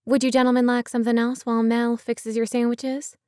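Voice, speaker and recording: A woman's voice: fairly high pitch, flat delivery, a little fast, clear, resonant tone, dry recording, studio quality, voice pushed up, natural voice. A woman reading aloud voices a folksy, friendly diner waitress who calls customers darlin'. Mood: chatty. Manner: warm drawl, calls people darlin'.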